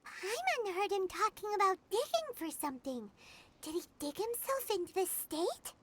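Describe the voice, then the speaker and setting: A woman voicing a tiny, excitable fairy-like companion girl who talks about herself in the third person. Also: very high voice, normal speed, full character voice. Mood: anxious. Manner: excitable, chatty. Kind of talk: game voice acting. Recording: game soundtrack behind.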